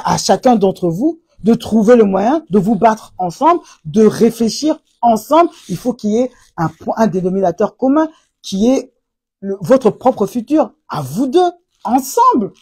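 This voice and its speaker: Preachy, husky-voiced woman. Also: on the high side. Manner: preachy, rises to loud exclamations and repeats "aïe". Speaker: live stream host answering viewer comments. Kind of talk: impassioned casual talk on faith and couples.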